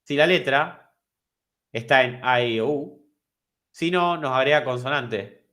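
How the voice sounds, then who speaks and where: A man's voice: medium pitch, unhurried, sharp tone. A man with an Argentine Spanish accent teaching an online programming class, explaining step by step and checking if his students follow. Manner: explanatory, repeats and restarts, asks if understood.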